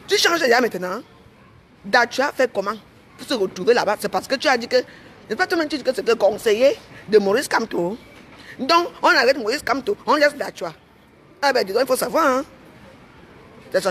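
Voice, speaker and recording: Her voice sits on the high side and sounds fairly bright, with slight noise in the background. She's a vlogger with a Cameroonian French accent, heatedly venting to her audience, going over the same points and ending phrases with "hein".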